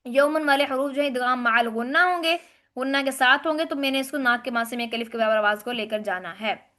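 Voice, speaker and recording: Female tajweed teacher, bright and sharp voice, recites slowly. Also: high voice. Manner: explains rules step by step, asks and answers own questions; recites Arabic words slowly and drawn out. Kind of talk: tajweed lesson.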